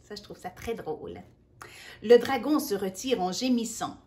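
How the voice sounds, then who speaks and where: A woman reading a picture book aloud to a child, gentle and playful, dropping into soft whispered asides. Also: mid-range voice, lively intonation, moderate pace. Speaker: children's storyteller.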